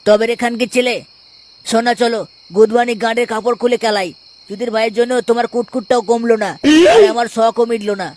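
A man's voice: very high-pitched, little pitch movement, quick pace, darkish tone. A man voicing a brazen, scheming cheating husband in a comic cartoon. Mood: threatening. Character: sly cheating middle-aged husband. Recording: noisy home recording.

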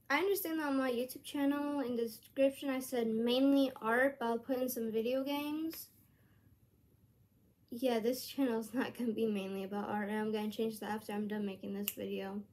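A woman's voice: fairly high pitch, steady tone, moderate pace, a little mellow. A woman vlogging to her channel in a rambling, earnest way, full of hesitant restarts. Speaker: YouTuber. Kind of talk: casual vlog monologue.

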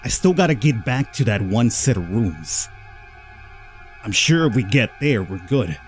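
Male gaming host, chatty horror playthrough commentary, lively intonation, light music underneath. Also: on the low side, measured pace. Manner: chatty, rambling, talking to viewers. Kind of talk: casual horror game commentary.

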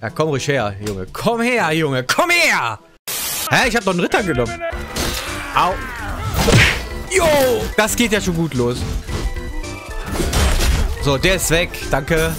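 A young man giving excitable, slangy gameplay commentary, yelping and laughing as he plays. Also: on the high side, measured pace, long pauses, music in the background. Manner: excitable, slangy, laughs often, yelps at hits. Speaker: gaming YouTuber.

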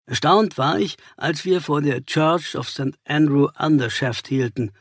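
A man's voice: a little high, measured pace, husky, no room sound, clean studio sound. A man reading a detective story aloud as a first-person audiobook narrator.

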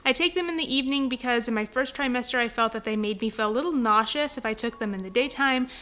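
A woman's voice: a little high, fast talker. A young woman hosting her home vlog, upbeat, friendly and chatty. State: pregnant. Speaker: vlogger host. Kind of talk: cheerful vlog talk and voice-over narration. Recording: soft background music.

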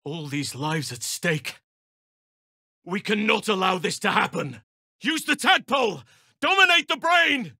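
A man gives an exaggerated performance as a fantasy game's earnest, battle-tested druid and defender of nature, his high voice very animated, creaky, pushed and bright. The phrasing stays formal and old-fashioned, measured and solemn, yet the mood is urgent and commanding. It's a dry, studio-quality recording.

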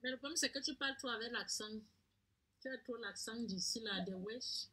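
A woman's voice: fairly high pitch, moderate pace, pushed and bright, husky. A woman chatting in a playful, teasing way, bossing the other speaker around for fun. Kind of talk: teasing casual chat.

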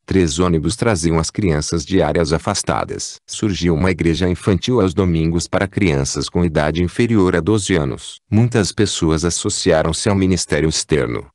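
A man with a Brazilian Portuguese accent reading an audiobook in a calm, even narration. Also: deep voice, no room sound, clean studio sound. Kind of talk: scripted narration.

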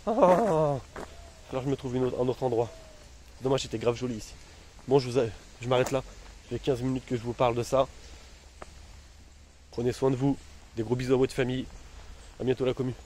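A vlogger in his thirties, in pain, films himself on a phone held at arm's length among trees and bushes, rambling in slangy casual talk to his followers. His medium-pitched voice is brisk and dark-toned, with frequent pauses. The outdoor phone recording is noisy, with ambient sound around him.

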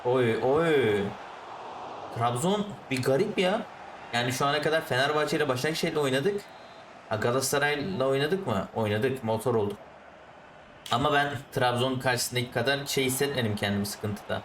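A man commentating his own football video game match, ranting at the referee and the players, then calmly explaining his tactics. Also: mid-range voice, moderate pace, roomy sound, distant mic, a little hiss or hum. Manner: switches to calm explaining of tactics. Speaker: gaming YouTuber.

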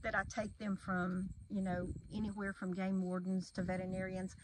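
A woman's voice: medium pitch, completely flat delivery, moderate pace, background noise. Woman explaining fawn care outdoors. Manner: patient, explaining step by step. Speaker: wildlife rehabber. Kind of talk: casual outdoor interview. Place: outdoors by a metal barn wall.

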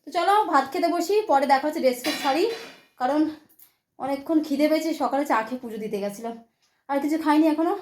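A woman's voice: sits high, fast talker, a little mellow. A woman, vlogging casually to her viewers on a handheld phone, chatty and rambling. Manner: chatty, rambling, repeats herself. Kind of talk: casual daily vlog talk to viewers.

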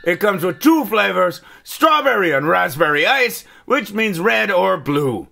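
A man's voice: high-pitched, very animated, a little slow, vocal fry, sharp tone, exaggerated voice. A man voicing a manic, self-important superhero action figure in a comedic toy review, with exaggerated theatrical delivery. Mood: upbeat showy.

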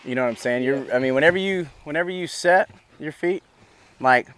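A man's voice: on the high side, fairly quick, a bit bright, smooth, dry recording. A man in his thirties coaching a new bronc rider outdoors at a ranch pen, talking in a loose, easygoing way and often saying "you know what I'm saying". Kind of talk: casual instruction.

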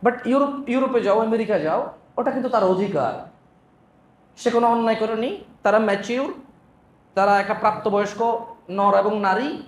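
High-voiced male preacher, echoey. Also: normal speed, long pauses. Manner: storytelling, acting out dialogue with shifts in tone; mixes English words into speech. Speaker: Islamic preacher. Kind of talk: sermon. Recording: echoey with faint background noise.

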